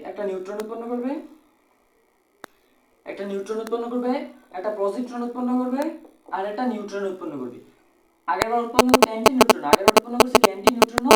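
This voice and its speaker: Fast-talking Bangladeshi Bengali tutor, echoey room. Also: male voice, high voice, fairly bright tone, slight background noise. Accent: Bangladeshi Bengali, colloquial. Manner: repeats phrases, asks and answers own questions. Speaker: physics tutor. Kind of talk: exam-prep physics lesson.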